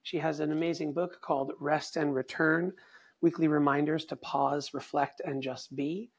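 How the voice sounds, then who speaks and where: A man hosting an interview, animated and casual, piling up fillers as he talks. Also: fairly high pitch, moderate pace, husky. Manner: animated, filler-heavy, says "like" a lot. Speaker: podcast host.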